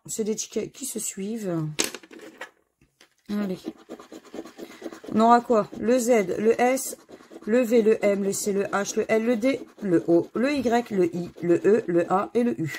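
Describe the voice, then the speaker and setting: A middle-aged woman hosts a scratch-card video from a corner of her home that's under renovation, chatting casually and poking fun at herself as she scratches crossword lottery tickets and spells out the letters one at a time. Her voice is mid-range and dark in tone, a little slow, with a bit of hiss or hum in the recording.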